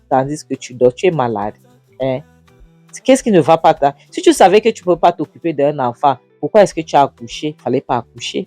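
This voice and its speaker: A narrator acting out an indignant husband who scolds his wife, raising the pitch and repeating "Hein?". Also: dark tone, no room sound, close to an everyday voice.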